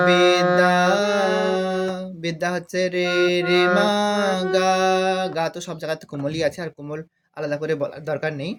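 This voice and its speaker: A man with a Bengali accent teaching a devotional song on harmonium, naming the sargam notes and singing each phrase slowly to show it. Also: on the high side. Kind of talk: music lesson, speaking and singing along. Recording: harmonium playing loudly behind the voice.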